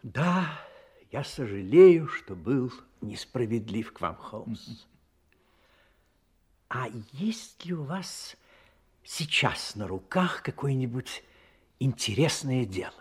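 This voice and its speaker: A sensitive gentleman doctor in a radio drama, the loyal companion of a detective. He speaks earnestly and formally, with a husky edge and lively, wide-moving intonation. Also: medium pitch, slow pace, long pauses, exaggerated voice. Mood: contrite, interested. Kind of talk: Russian radio play acting.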